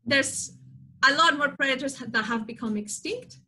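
A young woman from Spain speaks with a bright, clear, slightly high voice. She explains eagerly as a guest, with plenty of fillers. She is talking into a video call from a small room at home. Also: normal speed. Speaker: biologist guest. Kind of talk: casual video-call interview.

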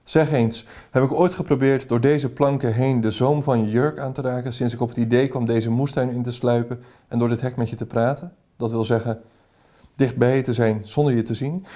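A devoted young man pleading his love, read by a man from a novel. The speech is earnest and passionate, delivered in a dark, mellow voice at an ordinary middle pitch. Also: natural voice.

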